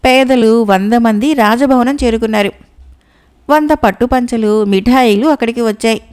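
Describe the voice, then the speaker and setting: A woman narrating a folk tale audiobook with steady storytelling delivery. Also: fairly high pitch, moderate pace, clean tone.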